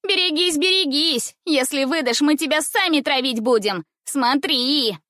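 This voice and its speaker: Spiteful young schoolgirls crowd in with sing-song, jeering taunts, as a woman reads them. The voice is pitched high and loud and sounds close and dry. It belongs to a storybook reading. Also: measured pace, no room sound. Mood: threatening.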